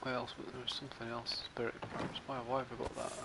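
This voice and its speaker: A man's voice: medium pitch, monotone, fairly quick, creaky, very noisy. A man giving rambling, chatty live commentary on his game stream, with dry sarcastic asides.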